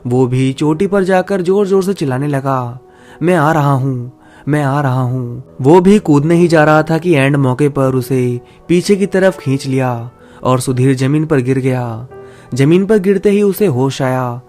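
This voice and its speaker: A man narrating a first-person horror story in a steady, dramatic storytelling manner. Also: mid-range voice, unhurried, faint music behind.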